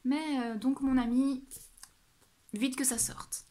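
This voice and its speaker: A woman's voice: high voice, fairly even intonation, slow pace, dark tone. A woman giving a casual monthly reading update as a book vlogger. She gushes about what she read and talks off the cuff, often restarting and correcting herself. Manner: gushing and exclamatory about books.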